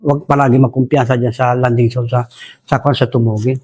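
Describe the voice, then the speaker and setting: A man's voice: medium pitch, little pitch movement, brisk, a little mellow. Male ex-soldier guest from Basilan; deferential, rambling, peppers every line with "Sir," mid-range voice. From Basilan, Philippines. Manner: respectful, says "Sir" constantly, rambling with restarts. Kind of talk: casual war storytelling.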